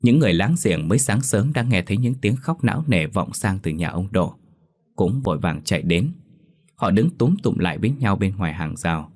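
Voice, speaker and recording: A man reading a scripted horror story in a measured, solemn way. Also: low voice, expressive, a little mellow.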